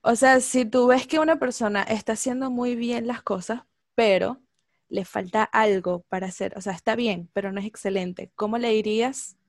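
A woman in casual chat, lively and slangy, laughing often and acting out quotes. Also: a little high, normal speed, no echo, clean studio sound.

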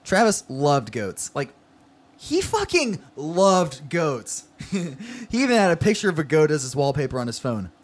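A man's voice: on the high side, big pitch swings, moderate pace. Man, podcast co-host, story reading, giggly, jokey asides.

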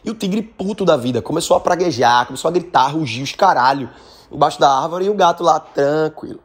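A man with a Brazilian Portuguese accent giving a casual lesson on storytelling. He talks in an animated, slangy way and keeps checking in with short tag questions. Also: on the high side, a little fast, slightly rough. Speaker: speaking trainer.

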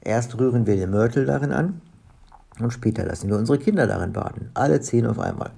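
A man's voice: medium pitch, a little fast, creaky, warm tone, slightly rough. A man voicing a boastful, easygoing male robber in a breezy, dismissive way.

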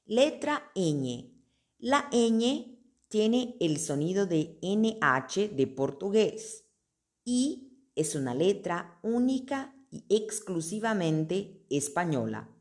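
A woman teaching Spanish pronunciation, naming letters and saying example words one at a time in a careful, deliberate way. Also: medium pitch, very animated, darkish tone. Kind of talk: slow, deliberate pronunciation lesson.

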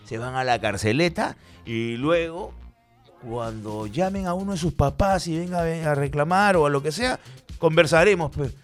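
A man acting out a gruff, bossy police officer who gives curt orders. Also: fairly high pitch, lively intonation, normal speed, soft background music, voice pushed up, close to an everyday voice. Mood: stern.

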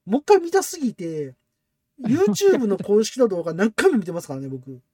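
A man with a Kansai accent chatting on a podcast, his pitch leaping all over as he tells a story and laughs. He gets excitable. The sound is close and dry, with no room around it. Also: normal speed, dry recording. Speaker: podcast host. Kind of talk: casual chat.

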